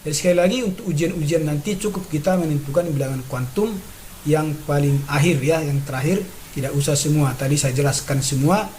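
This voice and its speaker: A man teaches chemistry in a patient classroom manner, walking through each step and checking in often. His voice sits a bit high for a man. A faint noise runs under the recording. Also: brisk, darkish tone, rough recording. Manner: patient, repeats steps, frequent "ya" and "nah" checks. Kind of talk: classroom lesson explaining on a board.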